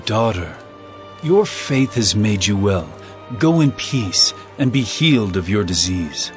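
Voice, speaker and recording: Jesus, slow, commanding, expressive. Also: male voice, lowish voice, faint music behind. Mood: gentle, solemn. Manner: solemn, authoritative, measured. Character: Jesus, commanding, compassionate male healer and teacher.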